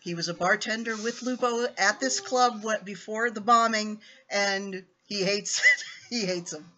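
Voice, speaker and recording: A woman's voice: mid-range voice, measured pace, sharp tone. A woman narrating a tabletop vampire game as game master, laughing often and calling for rolls. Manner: laughs often, directs players to roll. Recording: muffled lo-fi stream audio.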